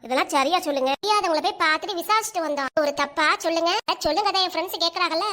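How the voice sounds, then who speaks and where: A woman's voice: extremely high pitch, racing, bright, forceful tone. A woman voicing a young village daughter-in-law in a cartoon, arguing back and pleading. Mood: defiant. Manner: pleading, argumentative. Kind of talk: cartoon voice acting.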